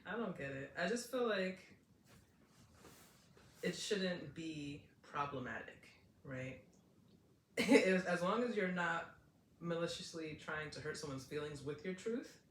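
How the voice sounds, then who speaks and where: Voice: mid-range voice, measured pace, long pauses, reverberant, slight background noise. A podcast co-host in casual chat, exasperated and laughing, asking rhetorical questions.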